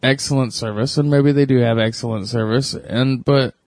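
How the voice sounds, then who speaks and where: A man's voice: medium pitch, fairly even intonation, moderate pace, darkish tone, no room sound, clean studio sound. A man co-hosting a podcast, chatting casually and meandering with lots of fillers and hedges. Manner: meandering, hedging talk with many fillers. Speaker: podcast co-host. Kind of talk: casual chat.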